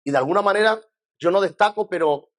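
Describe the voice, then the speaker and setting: Pastor from Spain, fairly high voice. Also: male voice, fast talker. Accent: Spain Spanish. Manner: lively, acts out quoted voices, rhetorical questions. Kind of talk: conversational church lesson.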